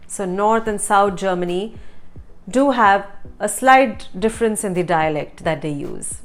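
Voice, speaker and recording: Slow, careful woman teaching pronunciation. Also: medium pitch. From India. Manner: slow, careful, repeats words for learners. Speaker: German language teacher. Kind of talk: pronunciation lesson.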